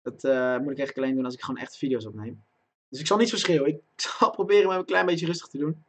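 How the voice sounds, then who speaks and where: A young man giving live commentary on his own football game, chatting to viewers and breaking into loud excited yells at big chances. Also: medium pitch, fast talker, husky. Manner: talks to himself and chat, bursts into loud excited shouting at chances. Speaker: gaming streamer. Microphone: desk microphone.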